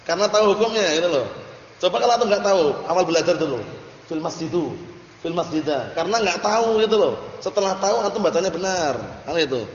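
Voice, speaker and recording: A man's voice: sits high, animated, fast, slight background noise. A man teaching Arabic grammar to a class, questioning students and drilling their answers. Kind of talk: classroom lesson. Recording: dull, echoey hall recording.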